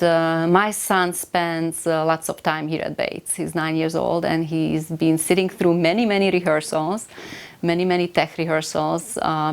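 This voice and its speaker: A Hungarian woman in her forties talks about teaching theater voice, her voice sitting low. She speaks thoughtfully and often pauses on fillers. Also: a little hiss or hum. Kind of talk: interview.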